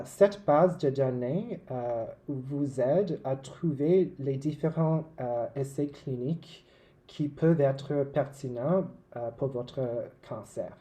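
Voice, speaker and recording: Halting presenter with a mid-pitched voice. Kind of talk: formal slide presentation.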